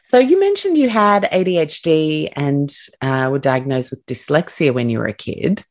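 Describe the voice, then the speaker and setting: A woman's voice: low-pitched, expressive, moderate pace. A woman hosting a conversational interview, sharing a personal story in a candid, reflective way. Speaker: podcast host.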